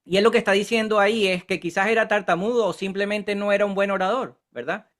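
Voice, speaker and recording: Bible study leader, high-pitched man, chatty and engaging, often checks in with listeners. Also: fairly even intonation, fast talker, a bit bright. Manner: conversational, keeps asking the group "¿verdad?".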